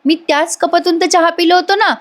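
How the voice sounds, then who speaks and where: A man's voice: extremely high pitch, fairly even intonation, fairly quick, a bit bright, pitched above the performer's own voice. A woman voicing a polite, reassuring young hero in a spoken serial retelling. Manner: polite, soothing.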